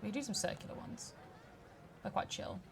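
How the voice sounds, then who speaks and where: A woman giving casual let's play commentary as she builds a park, chatty and quick to laugh. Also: noisy background. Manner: chatty, laughs often, mock-outraged at park guests. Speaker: community manager streaming a game.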